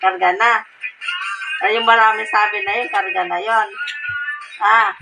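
A woman's voice: mid-range voice, steady tone, measured pace, creaky, low-quality recording. A mother talking baby talk to her infant in a coaxing, sing-song way. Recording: loud music over the voice.

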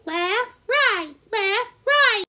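A tiny squeaky beeping robot. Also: expressive, extremely slow, bright, forceful tone, exaggerated voice. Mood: chirpy. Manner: chirps beeps, boops and sing-song syllables. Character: tiny beeping cartoon robot, chirpy and playful.

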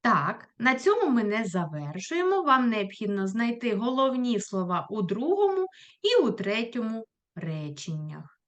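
A woman teaching a primary school lesson, talking to children in a clear, patient voice and asking questions as she goes. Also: on the high side, big pitch swings, unhurried, lo-fi sound. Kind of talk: recorded online lesson for children.

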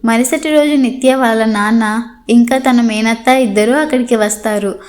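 A woman narrates a horror story in a steady, dramatic manner. Her voice sits slightly high for a woman. She keeps an even storyteller's pace through the tension. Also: normal speed.

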